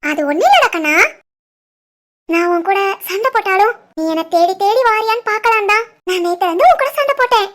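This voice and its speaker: A voice artist doing a squeaky teasing college girl. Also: animated, brisk, a bit bright. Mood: affectionate teasing. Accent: southern Tamil Nadu dialect. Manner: playful, teasing, affectionate. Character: cheerful teasing young woman, college student in love. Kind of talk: cartoon voice acting.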